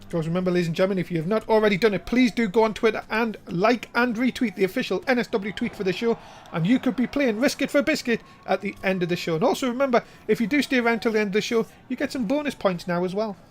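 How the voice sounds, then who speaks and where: A wrestling commentator with an excitable, showman-like delivery, calling play-by-play and reading show promos. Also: medium pitch, quick pace, a little hiss or hum.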